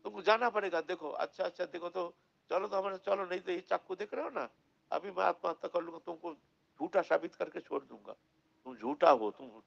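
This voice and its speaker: A man's voice: high-pitched, a little fast, creaky, a bit bright, muffled recording, exaggerated voice. A man playing a desperate young brahmin. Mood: scolding. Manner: pleading, then threatening and scolding.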